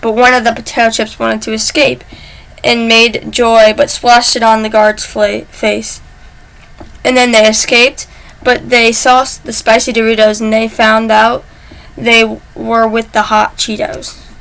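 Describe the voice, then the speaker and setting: A woman's voice: fairly high pitch, level tone, a little slow, vocal fry, fairly bright tone, poor audio. A woman casually telling a made-up story, chatty and stumbling over words as she goes. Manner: chatty, stumbles and restarts mid-word.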